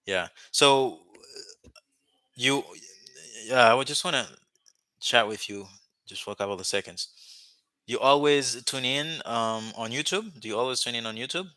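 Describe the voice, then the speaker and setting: Speaking to camera on a webcam or phone mic, this Haitian man, a native speaker of Haitian Creole, chats and rambles to his live-stream audience about language learning, full of fillers and restarts. His mid-range voice is bright and forceful, moving at a moderate pace with frequent pauses, and there's no room sound.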